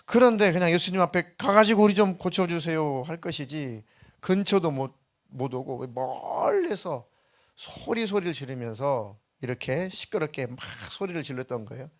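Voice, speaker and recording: A man's voice: fairly high pitch, lively intonation, moderate pace. A male pastor preaching a Sunday sermon in a church, emphatic and full of rhetorical questions. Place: church sanctuary.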